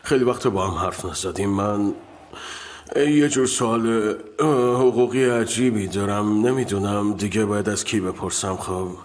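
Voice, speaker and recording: A man's voice: fairly low pitch, natural voice. A man playing a weary, hesitant middle-aged father. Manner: hesitant, halting with fillers. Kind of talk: dubbed drama dialogue.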